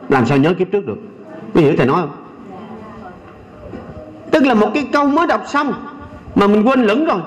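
High-voiced older monk, Southern Vietnamese accent. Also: male voice, poor audio. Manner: folksy, teasing, keeps asking the audience "right?"; slows to recite and sing verses. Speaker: Buddhist monk. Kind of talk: Dharma talk to a lay audience.

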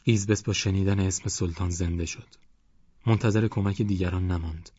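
Deep-voiced male audiobook narrator. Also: steady tone, mellow, husky, no room sound, highs cut off. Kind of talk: scripted narration.

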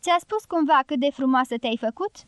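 A woman's voice: high voice, animated, fairly bright tone, no echo, clean studio sound. A woman narrator voicing a very young, friendly male guerrilla sentry who talks in a cheerful, teasing way.

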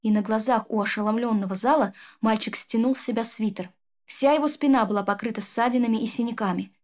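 A woman reading a fairy-tale audiobook in an expressive, measured narration. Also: on the high side. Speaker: audiobook reader. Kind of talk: storybook narration.

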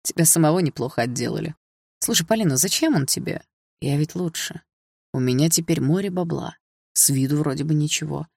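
Brief: female narrator doing a provocative rich young man, low voice, dry studio sound. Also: lively intonation, fairly quick, creaky, darkish tone, breathy edge, no room sound, exaggerated voice. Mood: smug. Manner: smug and teasing.

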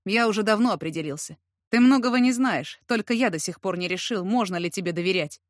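A woman voicing a brash, feverish young man who talks in a hoarse, teasing, insistent way. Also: medium pitch, quick pace, no echo, studio quality, close to an everyday voice. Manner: hoarse, at times whispering.

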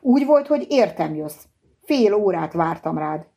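A woman's voice: fairly low pitch, big pitch swings, breathy edge, full character voice. A woman reading an indignant young girlfriend. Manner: indignant, sharp questions.

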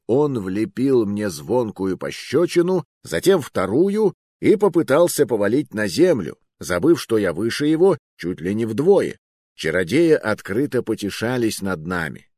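A man narrating a first-person adventure audiobook with expressive, lively storytelling. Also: on the low side, no room sound, clean studio sound.

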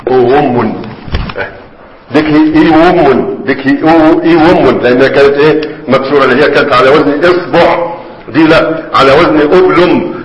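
A man with an Egyptian Arabic accent teaching grammar in a conversational classroom lecture, often checking in with his students. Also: fairly high pitch. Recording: echoey hall, faint background noise.

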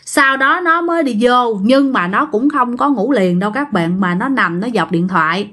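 With a fairly high voice at normal speed, a woman performs a ghost story for an audience. She stays lively throughout, giving each quoted person their own voice.

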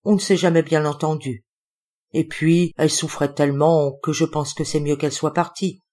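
A woman's voice: low voice, fairly even intonation, moderate pace, warm tone. Brief: woman voicing a grieving older lady, scolding then tearful, audiobook character. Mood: tearful confiding.

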